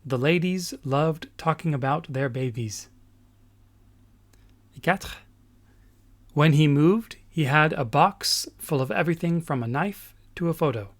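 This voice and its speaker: Slow-speaking male teacher. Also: a little high. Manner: slow, explains pronunciation step by step, fillers. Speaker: English teacher. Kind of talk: recorded grammar lesson.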